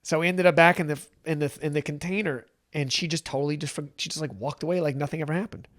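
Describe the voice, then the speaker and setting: A male podcast guest shares a personal story in a candid, emotional chat, animated and full of restarts and acted-out quotes. His voice is a little high and his pace quick.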